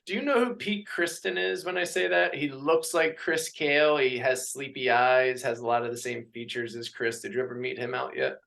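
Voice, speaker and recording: A man's voice: mid-range voice, moderate pace, vocal fry, few pauses, fairly bright tone. A man coaching a group workout class, counting out reps and chatting and joking with the class between exercises. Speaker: fitness coach.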